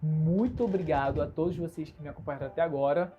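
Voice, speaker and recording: His fairly high voice moves at a quick pace, though the smartphone-camera recording cuts off the highs and carries slight background noise. He is an entrepreneur in his twenties from Recife, Brazil, with a Recife Brazilian Portuguese accent, hosting a solo livestream of his own channel from his bedroom. Earnest and upbeat, he chats casually, self-assured and gesturing often.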